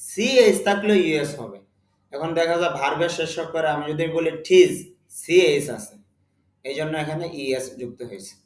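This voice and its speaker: A man with a Bengali accent teaching a spoken English lesson, speaking slowly and deliberately and repeating words for his students. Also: a little high, roomy sound.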